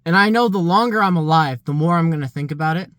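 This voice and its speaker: Talking fast in a fairly high, somewhat bright voice, a man of about twenty rambles through a reflective vlog monologue stuffed with "like." The audio is dry and studio quality.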